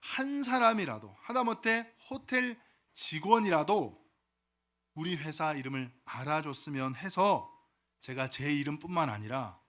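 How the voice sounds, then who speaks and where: A man's voice: on the high side, expressive, a little slow, a bit bright. A pastor voicing a young salesman who sincerely explains himself. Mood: earnest. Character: earnest young male salesman, humble and sincere.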